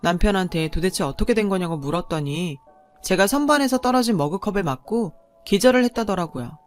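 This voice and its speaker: Female narrator, 30s, mid-pitched, steady confiding storytelling. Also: brisk. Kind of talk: scripted first-person story narration. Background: faint background music.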